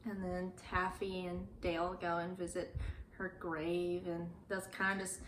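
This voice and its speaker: Unhurried and level in tone, this YouTuber, a young adult woman, chats casually through a movie recap, filling it with "like." Her lowish voice is a bit bright, and the recording has slight background noise and a roomy echo.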